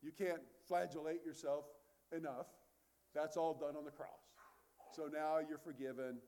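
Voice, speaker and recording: A man's voice: fairly high pitch, fairly even intonation, moderate pace, mellow, a little hiss or hum. A man preaching a sermon as a pastor, earnest and conversational, asking rhetorical questions and answering them.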